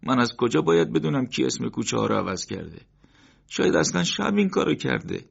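A man's voice: medium pitch, big pitch swings, vocal fry, breathy edge, voice pushed up, full character voice. A man voicing a frightened older male shopkeeper who pleads and defends himself, in an audiobook. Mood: anxious. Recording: dull lo-fi recording.

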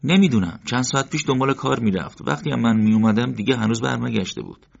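A man's voice: medium pitch, creaky, voice pushed up. A man voicing a guarded, worried young man, the older brother, in an audiobook. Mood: uneasy. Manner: guarded, uneasy. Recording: dull lo-fi recording.

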